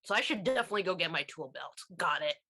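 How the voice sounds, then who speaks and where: A woman playing a naive character in a tabletop game, with a deadpan delivery. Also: lowish voice, quick pace. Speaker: player. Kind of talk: in-character tabletop role-play.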